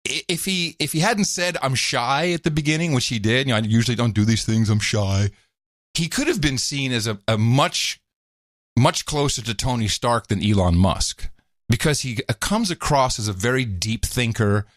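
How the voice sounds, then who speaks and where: A man co-hosts a podcast in casual, sarcastic commentary, often slipping into mocking voices. His pitch swings widely. The sound is dry and close, with no room in it. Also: moderate pace, no room sound. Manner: animated, sarcastic, jumps into mock voices. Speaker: podcast co-host.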